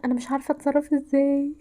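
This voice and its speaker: High-voiced frightened Egyptian woman gamer. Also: flat delivery, fast, warm tone. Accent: Egyptian Arabic. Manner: frightened, exclamatory, often drops to whispers. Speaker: gameplay narrator. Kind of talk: playing a horror game while commenting.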